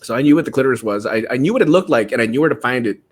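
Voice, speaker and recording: A man's voice: medium pitch, expressive, rapid-fire, a little hiss or hum. A man with a Filipino English accent co-hosting a casual comedy podcast and telling jokey stories. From Philippines. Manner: jokey storyteller, laughs often. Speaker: podcast co-host.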